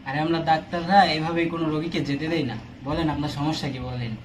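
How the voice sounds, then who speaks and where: Brief: man, comedy sketch doctor, exasperated, quick and fairly high, noisy background. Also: fairly even intonation. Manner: exasperated, pleading and snapping back.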